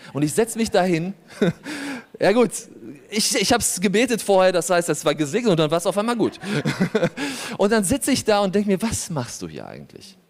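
A man, a pastor and lawyer, telling a lively anecdote in a sermon, laughing often. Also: high-pitched. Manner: animated anecdotal storytelling with laughter. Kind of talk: sermon storytelling.

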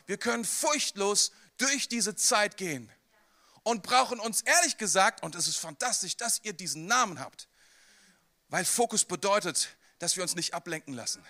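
A man with a high, bright voice preaching a sermon. He talks in a lively, conversational way and keeps turning to the listener with direct questions. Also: normal speed.

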